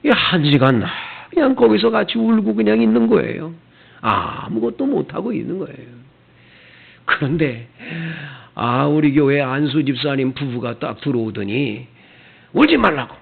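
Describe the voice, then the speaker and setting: A middle-aged male pastor preaching a Sunday sermon in a church, telling stories and acting out what people said, swinging between loud outbursts and hushed asides. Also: on the high side, normal speed, gravelly, breathy edge, narrow, tinny audio. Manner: animated, acts out quoted voices, swings from loud to hushed. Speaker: senior pastor. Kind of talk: sermon with storytelling. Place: church sanctuary.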